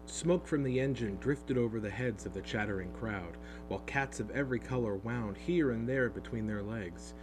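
A man narrating a storybook in an expressive, animated reading, heard over a steady hum. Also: fairly low pitch. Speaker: audiobook narrator.

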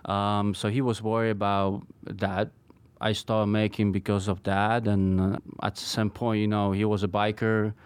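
Low-pitched Polish-accented man, hesitant guest, dry close sound. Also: flat delivery, smooth, no room sound. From Poland. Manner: hesitant, halting, many ums. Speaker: knife maker guest. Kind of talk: studio interview.

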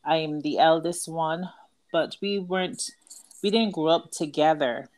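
In an interview set outdoors at night, with crickets chirping in the background, a woman with a Barbadian accent speaks as a guest. She's a book author earnestly recounting her life story, her voice low, a little slow, and darkish in tone.

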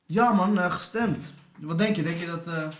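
Young guy, quick questioning banter, roomy recording. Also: sits high. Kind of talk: casual chat among friends. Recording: echoey room with faint noise.

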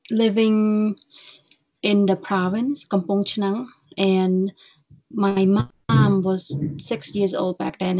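Slow, mellow woman. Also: on the low side, muffled recording. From Cambodia. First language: Khmer. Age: young adult. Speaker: interview guest, musician. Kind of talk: podcast interview.

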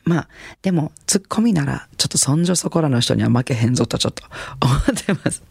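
Woman, Kansai accent, jazz singer hosting radio, casual chatty stories, husky, dry studio mic. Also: deep voice, lively intonation, fast talker, a little mellow, no room sound. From Kansai region of Japan. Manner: chatty, self-mocking storytelling with frequent fillers. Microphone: studio microphone.

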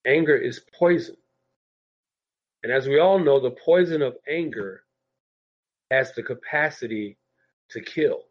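A man with a mid-range voice preaches a sermon and reads scripture aloud, sounding congested and a little nasal from a sinus infection. He speaks in a measured way and repeats key phrases, and the recording is muffled.

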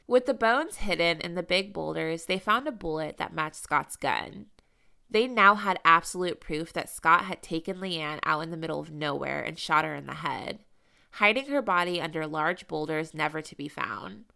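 Gravelly bright-voiced woman narrating true crime. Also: deep voice, moderate pace. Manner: reads the case story with blunt asides. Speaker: podcast co-host.

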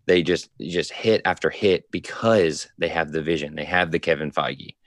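Deep-voiced, emphatic man guest. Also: normal speed, no room sound, clean studio sound. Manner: emphatic, enthusiastic agreement. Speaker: podcast guest. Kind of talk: casual podcast chat.

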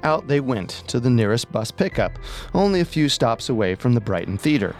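A man's voice: medium pitch, big pitch swings, brisk, over music. A man delivering scripted true crime narration as a storyteller.

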